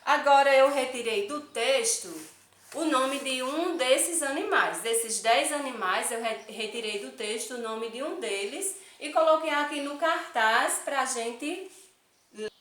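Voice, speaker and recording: Lady teacher talking real slow to little kids, bright voice, echoey room a bit off mic. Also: high voice, recorded from a distance. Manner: asks many questions, counts aloud, tag questions like "não é isso?". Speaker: primary school teacher. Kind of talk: slow, patient literacy lesson for young children.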